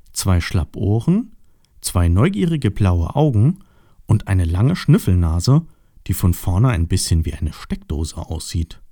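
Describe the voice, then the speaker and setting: Slow, expressive man reading a children's story. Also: low voice, dry recording, clean studio sound.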